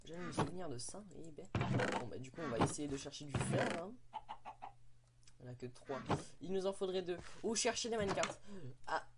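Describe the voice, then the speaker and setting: A man's voice: fairly high pitch, a little fast, heavy background noise. A young man, giving playful, chatty commentary on his game and exclaiming at what he finds. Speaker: Minecraft let's play host. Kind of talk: casual gameplay commentary.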